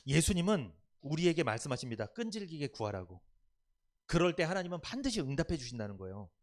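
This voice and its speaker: Man, pastor, sermon, lively rising and falling voice, slightly high pitch. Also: quick pace. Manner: preaching with questions and repetition to the congregation; lively, rising and dropping loudness.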